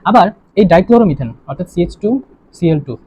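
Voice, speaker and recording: A man's voice: sits high, animated, quick pace, warm tone. A young man teaching a chemistry lesson, quizzing students and repeating his questions. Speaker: chemistry tutor. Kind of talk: online lesson. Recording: dull lo-fi recording with faint ambience.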